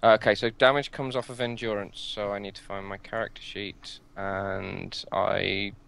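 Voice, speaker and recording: Low-voiced man playing a tabletop game. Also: level tone, moderate pace, gravelly, a bit bright, slight background noise. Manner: chatty, stammering restarts. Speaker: player. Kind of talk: casual chat.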